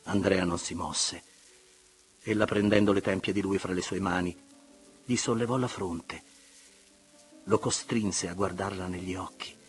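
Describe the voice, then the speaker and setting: A man reading a classic novel aloud as an audiobook narrator, measured and expressive, sometimes sinking to hushed tones. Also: low-pitched, soft background music.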